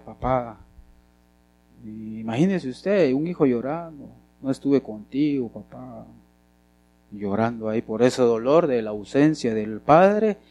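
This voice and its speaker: A man preaches a sermon at a mid pitch. He keeps putting questions to the congregation and moves between loud and soft as he builds his points. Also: dry recording. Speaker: pastor.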